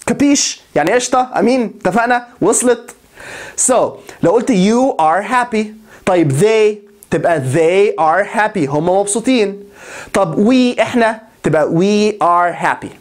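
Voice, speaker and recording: An Egyptian man gives a grammar lesson, saying each English example slowly and carefully. Between examples he explains fast in Egyptian Arabic. He keeps checking that his viewers are following. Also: high voice. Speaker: English teacher.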